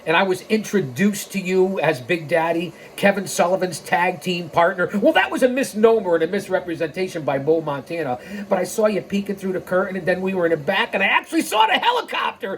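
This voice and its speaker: Reading aloud on his podcast, a sixty-something American man keeps veering into emphatic, rambling asides and direct appeals to people. His high-pitched voice is expressive and brisk, with few pauses. There's a little hiss or hum.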